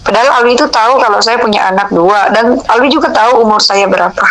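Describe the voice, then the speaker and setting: The recording is rough with a little hiss or hum, and her voice is slightly high and fast. She's a middle-aged interviewee from Indonesia, 45 or older, a religious counsellor animatedly recounting a personal story and quoting the dialogue informally.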